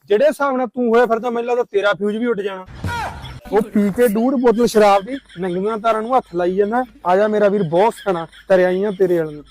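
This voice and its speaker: A man's voice: high-pitched, quick pace, darkish tone, faint music behind, close to an everyday voice, rough recording. A man playing an aggrieved, sarcastic villager in a comedy skit. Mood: sarcastic scolding. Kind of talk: acted rural comedy skit.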